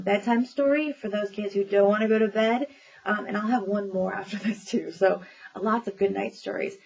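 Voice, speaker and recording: A woman's voice: mid-range voice, creaky. A woman public librarian casually reviewing children's books, chatty and informal with many fillers and frequent laughs. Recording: dull lo-fi recording with faint noise.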